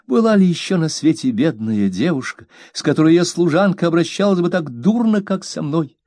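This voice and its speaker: A man's voice: fairly high pitch, animated, normal speed, mellow, no room sound, studio quality, voice pushed up. A man voicing a tearful young mother who pleads and reproaches her servant, in an audiobook reading.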